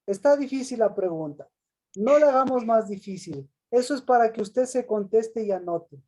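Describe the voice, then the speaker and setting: A man's voice: very high voice, animated, normal speed, darkish tone. A male pastor giving an interactive Bible lesson who reads scripture aloud, asks questions, calls on people by name and repeats their answers back.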